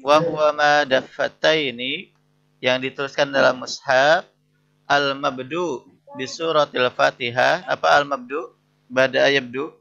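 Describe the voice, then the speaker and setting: Gravelly male lecturer, lo-fi audio. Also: mid-range voice, fairly even intonation, bright, forceful tone. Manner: reads Arabic phrases slowly, then explains each one, keeps asking "betul tidak?". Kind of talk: interactive lesson.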